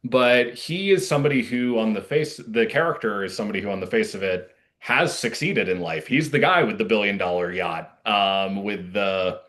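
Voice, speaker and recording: This playwright and actor, heard in an interview, has a lowish, slightly bright voice. He speaks in a casual, earnest way, pausing haltingly and saying "like" often.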